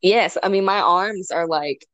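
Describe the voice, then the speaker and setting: A woman's voice: on the low side, a little slow, fairly bright tone, slight background noise. A young adult woman co-hosting a podcast, chatting casually and laughing easily. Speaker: podcast co-host. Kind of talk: casual chat.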